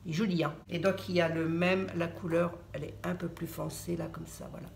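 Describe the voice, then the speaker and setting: A woman's voice: fairly low pitch, little pitch movement, fairly quick, vocal fry, darkish tone, roomy sound, slight background noise. An older woman chatting casually on her vlog as she unboxes a gift, hesitant and full of fillers, often laughing at her own jokes. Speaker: vlogger.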